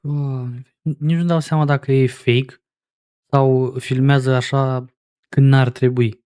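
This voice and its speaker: A man's voice: medium pitch, level tone, a little mellow, smooth. A man in his forties giving casual, sarcastic reaction commentary as a streamer. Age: 40s. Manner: sarcastic, mocking.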